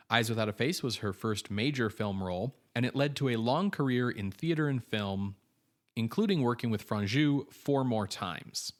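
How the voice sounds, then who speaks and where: A film podcast co-host reads background notes, informative and casual, with frequent fillers. His voice is medium-pitched and fairly bright.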